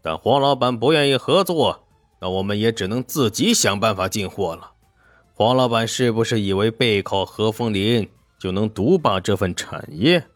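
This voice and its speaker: A man's voice: medium pitch, big pitch swings, moderate pace, dry recording, soft background music, lightly acted. A man voicing a cocky male business partner who speaks in a sneering, scornful way, in an audio story.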